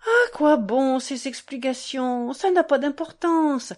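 A high, swooping society lady who gushes and rushes on, never letting anyone finish, as a woman reader puts her on. Her pitch leaps all over the place with breathless, bossy enthusiasm. An audiobook reading. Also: lively intonation. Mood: gushing. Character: gushing, domineering society lady, middle-aged.

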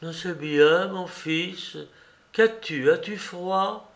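Heartbroken old mother, high and tearful, pleading, as read by a male narrator. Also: very slow, full character voice.

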